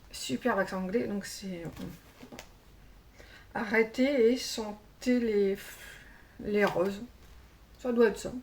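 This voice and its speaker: A woman's voice: medium pitch, darkish tone, recorded from a distance. A woman chatting casually as she shows craft supplies, hesitating often with fillers. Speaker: crafting YouTuber. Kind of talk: casual show-and-tell haul.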